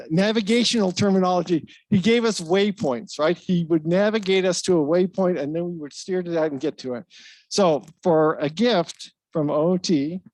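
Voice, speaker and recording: Man, high-pitched, dry close sound; casual rambling tribute speech, stumbles and chuckles at himself. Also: darkish tone, no echo. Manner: rambling, self-deprecating, with fillers and laughs. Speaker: speaker at a retirement ceremony. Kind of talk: informal ceremonial speech. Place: event stage.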